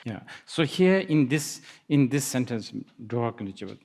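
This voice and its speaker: A man's voice: mid-range voice, animated, normal speed, darkish tone. A man giving a Buddhist dharma talk, musing aloud with laughs and hesitant restarts. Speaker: Buddhist teacher. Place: lecture hall.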